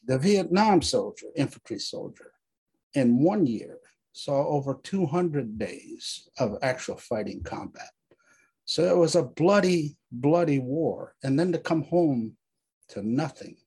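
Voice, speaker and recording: An older American man, a war veteran, telling a personal story in an earnest, emphatic way with repeated phrases, his voice husky. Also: on the high side, lively intonation, a little slow, darkish tone. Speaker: Vietnam War veteran recounting his experiences.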